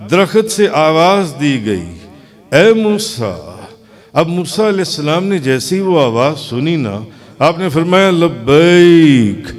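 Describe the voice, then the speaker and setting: A man with a Pakistani Urdu accent, a Sufi preacher telling a story in a sermon, with dramatic drawn-out repetitions and chanted calls. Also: fairly high pitch.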